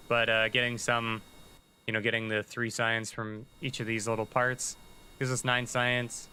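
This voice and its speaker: A man with a very bright, sharp-edged voice talks his way through a game on a livestream, chatty and thinking aloud. He mutters little asides to himself as he plays. A faint hum sits under his voice. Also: lowish voice, rough recording. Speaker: livestreaming gamer. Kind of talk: casual gameplay commentary.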